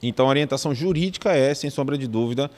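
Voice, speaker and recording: Brazilian man, legal adviser, formal measured delivery, reverberant room. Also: mid-range voice, a little mellow. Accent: Brazilian Portuguese. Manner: measured, formal, with frequent restarts and fillers. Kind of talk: formal legal explanation in an interview.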